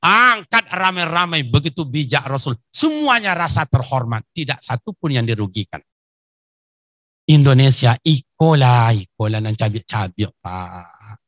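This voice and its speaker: A man preaching a sermon with a Riau Malay accent, animated and acting out little stories, jumping into high-pitched bursts. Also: dry recording, clean studio sound. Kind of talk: lively sermon with acted-out stories.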